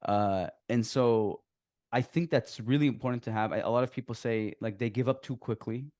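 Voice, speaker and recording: A young man co-hosting a podcast, chatting casually and reacting quickly with jokes. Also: medium pitch, a little mellow, no echo. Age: young adult. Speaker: podcast co-host. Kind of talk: casual chat.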